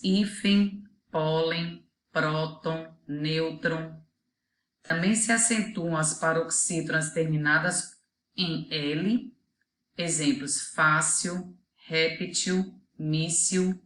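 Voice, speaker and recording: A woman with a Brazilian Portuguese accent teaches a children's video lesson in a low voice. She talks slowly and deliberately, laying out each example word on its own. The sound is echoey, as if recorded in a bare room. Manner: slow, deliberate, spells out example words one by one.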